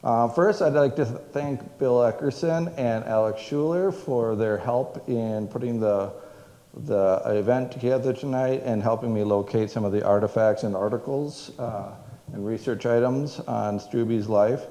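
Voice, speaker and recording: A man's voice: mid-range voice, unhurried, dark tone, dull audio. A man, a museum director, giving a public history talk to an audience, rambling with many fillers and restarts. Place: museum event room. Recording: echoey hall with long reverb.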